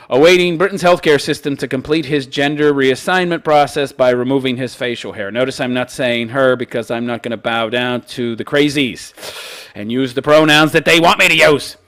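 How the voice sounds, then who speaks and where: A man's voice: mid-range voice, normal speed, a bit bright. A man hosting an opinion commentary show, reading out news and mocking it in a brash, coarse-mouthed, exaggerated way. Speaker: host of a commentary channel.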